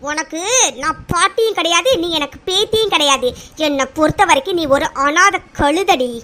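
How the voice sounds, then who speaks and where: Cruel old grandmother, voiced by a woman: harsh, drawn-out taunts, bright tone. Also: extremely high pitch. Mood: sneering. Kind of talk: cartoon serial voice acting.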